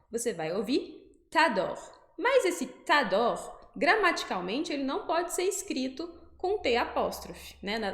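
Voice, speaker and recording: Lively Brazilian woman teaching French. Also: fairly high pitch, echoey room. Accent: Brazilian Portuguese. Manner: slows down to spell out syllables. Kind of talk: pronunciation lesson.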